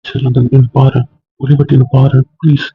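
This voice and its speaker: A man's voice: medium pitch, level tone, moderate pace, husky, no room sound. A man playing a grief-stricken young husband who pleads and despairs over his guilt. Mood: pleading. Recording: muffled phone-like sound.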